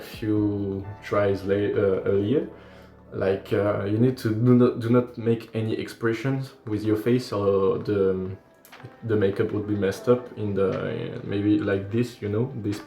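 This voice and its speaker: A young man with a French accent and a fairly low voice chats loosely through a livestream as he works, rambling, restarting his sentences and poking fun at himself. The room is echoey and faint music plays in the background. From France. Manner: relaxed, rambling, self-deprecating, many fillers and restarts. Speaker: cosplayer and makeup livestreamer. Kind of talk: casual livestream chat while doing makeup. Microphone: phone or tablet livestream.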